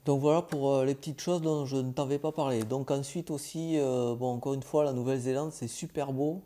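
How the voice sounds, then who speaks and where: Young male travel vlogger, casual recap, hesitant delivery, very dark warm voice, mid pitch. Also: steady tone, fairly quick. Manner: hesitant, many filler "euh"s, chatty and informal.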